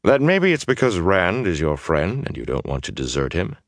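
A man playing a wary older gleeman with a very deep voice, measured and guarded, his dry wit kept close. The recording is dry and intimate, with no room sound. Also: sing-song, no room sound.

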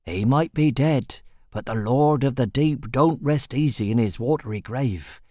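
A man's voice: mid-range voice, a little slow, no echo, clean studio sound, close to an everyday voice. A man doing a superstitious old sea dog. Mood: ominous. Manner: hushed, foreboding storytelling.

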